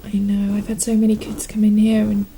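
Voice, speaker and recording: A woman doing an ASMR role-play as a gentle, calm nurse, speaking in a soft, breathy half-soft voice with a reassuring manner. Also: medium pitch, brisk, a little hiss or hum, poor audio. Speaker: ASMR performer playing a nurse.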